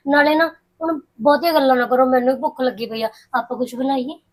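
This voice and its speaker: A woman's voice: sits high, steady tone, fast. A woman playing a young, cheerful sister-in-law who teases and looks after her brother's wife in a family drama.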